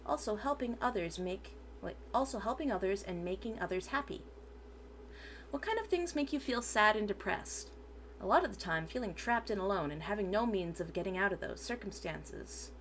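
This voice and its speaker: A woman's voice: medium pitch, expressive, normal speed, a little hiss or hum. A woman VTuber reading a transcript aloud for her stream, sometimes stumbling over words and correcting herself.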